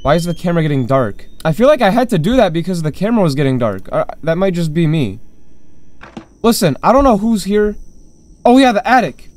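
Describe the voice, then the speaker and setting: A man's voice: high voice, sing-song, brisk, darkish tone. A man hosting a horror game let's play, confused and jumpy, talking to himself as he plays. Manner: jumpy, confused, talks to himself while playing. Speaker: gaming channel host.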